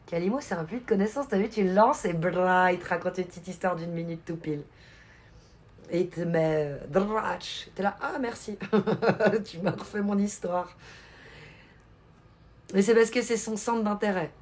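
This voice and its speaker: A woman's voice: lowish voice, moderate pace, a little mellow. A woman streamer chatting casually on a live stream, answering her chat and laughing often.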